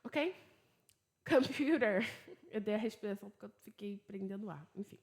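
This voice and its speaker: A Brazilian woman, a native Portuguese speaker whose English leans American, teaches English online from her laptop. She drills words slowly, then explains in fast, chatty Portuguese and laughs at her own slips. Her mid-range voice is a little mellow, with vocal fry.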